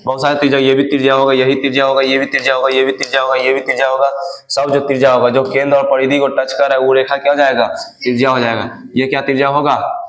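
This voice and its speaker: A man's voice: mid-range voice, monotone, racing, a bit bright. A male math teacher teaching a class, asking questions again and again and answering them himself. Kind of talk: classroom lesson. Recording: echoey classroom.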